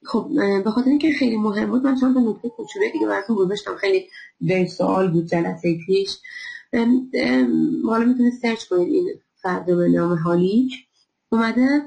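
A woman giving a recorded health lecture over slides, explaining step by step and pausing often on fillers. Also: mid-range voice, vocal fry, a little mellow, rough recording. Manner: explanatory, many filler pauses.

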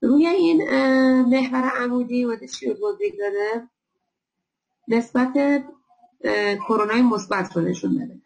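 A woman giving a recorded health lecture over slides, explaining step by step and pausing often on fillers. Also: a little high, vocal fry, a little mellow, rough recording. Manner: explanatory, many filler pauses.

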